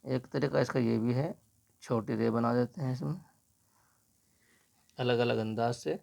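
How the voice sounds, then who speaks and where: A man teaching a slow, patient Urdu writing lesson, explaining each stroke as he writes. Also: mid-range voice, fairly even intonation, vocal fry, a little mellow.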